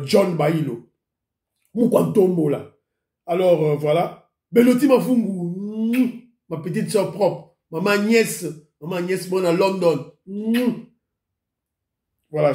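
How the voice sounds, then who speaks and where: A man with a Congolese accent chats with his viewers, thanking commenters one after another by name. His voice sits high for a man. The sound rings around an echoey room. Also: warm tone. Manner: greets commenters by name, mixes in Lingala. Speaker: YouTube show host. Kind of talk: casual chat with viewers.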